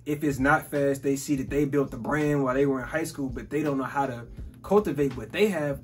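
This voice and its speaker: A man in his twenties from Chicago, hosting a casual chat about business and money, easygoing and saying "bro" and "like" constantly. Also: medium pitch. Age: 20s. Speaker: podcast host.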